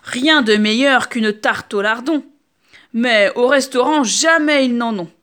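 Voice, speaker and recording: Femme qui fait gros chat grognon, voix basse, ronchonne, conte. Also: female voice, unhurried, fairly bright tone. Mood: grumpy. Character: big grumpy grumbling cat.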